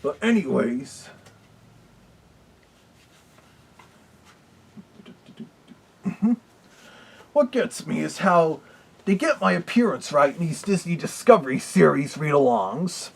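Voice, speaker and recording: A man doing the Big Bad Wolf, gravelly and lively. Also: a little high, unhurried, full character voice. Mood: indignant. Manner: gravelly, chatty, chuckling to himself. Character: gruff cartoon male wolf villain, boastful and hungry. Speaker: reviewer. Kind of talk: comedic character review.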